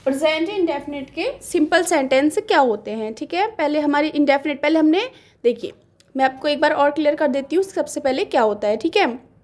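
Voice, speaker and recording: High-pitched female teacher, patient and repetitive, drawing words out slowly for a classroom grammar lesson. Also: lively intonation. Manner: patient, repeats words slowly while writing.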